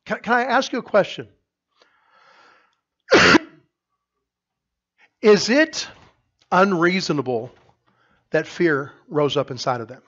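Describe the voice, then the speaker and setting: A middle-aged pastor preaching a sermon, telling the story with lively acted-out voices that swing from quiet asides to loud cries. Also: male voice, sits high, slow pace, pauses often, lo-fi sound. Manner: animated storytelling, acting out voices and rising to shouts. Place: church sanctuary.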